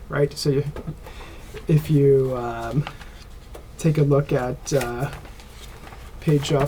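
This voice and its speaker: An American man leads an online English lesson in an unhurried, deliberate way. His voice has a gravelly, creaky texture, and he stops often on filler sounds. A faint hiss sits under his speech. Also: a little high, darkish tone. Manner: slow and halting, with frequent filler pauses. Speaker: English teacher. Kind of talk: online classroom instruction.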